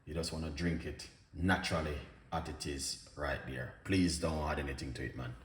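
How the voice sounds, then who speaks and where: Greeting his viewers by name and location, an upbeat, chatty cooking show host talks through a casual live stream in a very deep, steady voice at a moderate pace. The room echoes, the mic is distant, and there's background noise.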